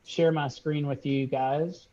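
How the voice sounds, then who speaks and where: This regional sales manager speaks slowly in a mellow, fairly high voice with a steady tone, checking in with a store over video. He's upbeat as he reviews the sales numbers and compliments the team, though he says "uh" a lot and often starts over. Expect muffled, lo-fi call sound.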